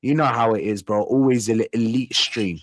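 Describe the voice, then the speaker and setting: A man's voice: medium pitch, normal speed, no echo. A man hosts a football fan stream in a London roadman accent. His talk is casual banter full of street slang, with phrases repeated for emphasis. The sound is dry and close, with little room around the voice.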